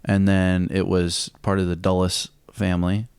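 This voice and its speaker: A man co-hosting a podcast, trading crude jokes and quick comebacks in casual chat. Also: sits low, monotone, a little mellow, clean tone, no room sound, studio quality. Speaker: podcast co-host.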